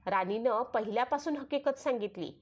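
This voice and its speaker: At a normal speed, a Marathi-accented woman with a slightly high voice for a woman narrates a traditional devotional story. She sustains a steady, sing-song storytelling rhythm and performs the quoted dialogue inside it.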